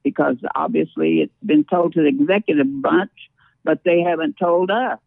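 A man's voice: fairly high pitch, moderate pace, gravelly, no room sound. A man talking informally about official business as a radio guest, heard over a thin phone-like line. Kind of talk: informal political talk.

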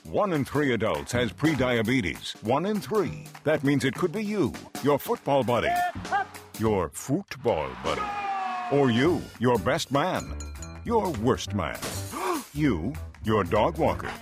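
A man's voice: mid-range voice, wildly swooping pitch, slow, music in the background. A man acting as a playful, emphatic announcer in a comic public-service radio ad. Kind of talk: comic scripted ad narration.

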